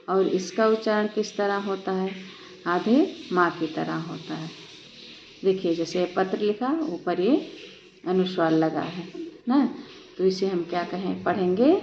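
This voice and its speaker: A woman's voice: fairly low pitch, darkish tone. A woman teaching a grammar lesson to students, patiently asking questions and answering them herself. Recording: echoey lo-fi room recording with faint hiss.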